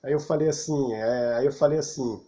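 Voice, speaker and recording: A man's voice: medium pitch, fairly quick, dull audio. A man in his fifties with a Brazilian Portuguese accent, casually telling a personal story and chuckling often. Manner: chuckling often, relaxed and talkative.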